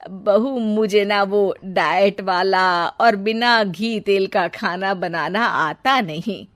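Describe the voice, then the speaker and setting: A kindly middle-aged mother-in-law acted by a woman storyteller. She speaks slowly and patiently, reassuring everyone, as in a storybook. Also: medium pitch, fairly bright tone, dry recording, clean studio sound. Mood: patient, placating. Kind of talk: storybook character voice.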